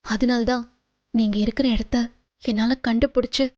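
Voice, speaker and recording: An actress playing a devoted young wife in a TV serial, tearful and pleading, speaking. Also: female voice, fairly high pitch, fairly even intonation, moderate pace, a little mellow, no echo, highs cut off, close to an everyday voice. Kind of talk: TV serial acting.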